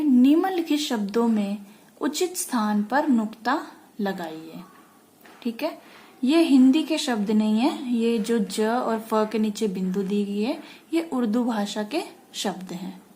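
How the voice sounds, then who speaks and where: Slow patient lady teacher, says every word again and again, bit high voice. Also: darkish tone. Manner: repeats each word slowly several times for practice; checks in with frequent "ठीक है". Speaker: Hindi teacher. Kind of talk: classroom-style lesson explaining pronunciation.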